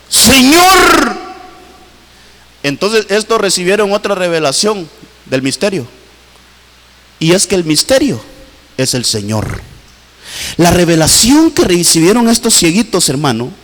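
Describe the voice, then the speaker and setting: Pastor, male, high fervent preaching voice, long church reverb. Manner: fervent preaching with sweeping pitch swings, repeatedly addressing "hermano". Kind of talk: sermon. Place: church hall.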